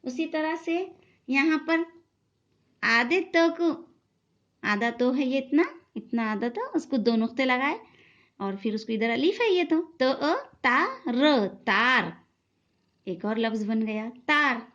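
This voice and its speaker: Woman teacher talking real slow to kids, kinda high voice, spells out sounds, muffled audio. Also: lively intonation, a bit bright. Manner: slow, patient, sounds out letters. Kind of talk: children's lesson. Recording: dull lo-fi sound.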